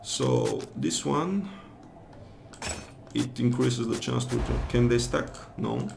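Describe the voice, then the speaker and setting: A man's voice: medium pitch, huge pitch swings, slow pace, vocal fry, background noise. A man casually commenting as he plays a game, thinking aloud about his choices. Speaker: let's play host. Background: game music.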